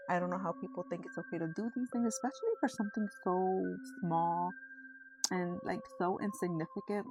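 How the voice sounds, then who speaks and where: A woman's voice: fairly low pitch, low-quality recording. A woman casually telling a spooky story as a storytime host, in a conversational way peppered with "like".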